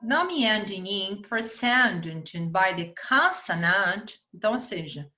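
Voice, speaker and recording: A woman with a Brazilian Portuguese accent teaching an online English grammar lesson, explaining slowly and checking in with "né?" after each point. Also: medium pitch, lively intonation, pushed and bright. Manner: explains slowly, repeats words and asks "né?".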